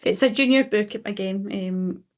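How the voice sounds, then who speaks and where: A Scottish woman at a mid-range pitch, talking books in a relaxed, chatty way. She fills her sentences with ums and quick uh-huhs. The sound is a little muffled and lo-fi. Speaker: podcast co-host. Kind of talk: casual book chat.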